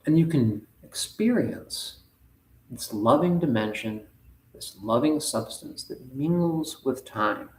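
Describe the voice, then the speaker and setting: Man, spiritual livestream host, halting and earnest, middle pitch, roomy echo. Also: lively intonation. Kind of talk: live spiritual talk.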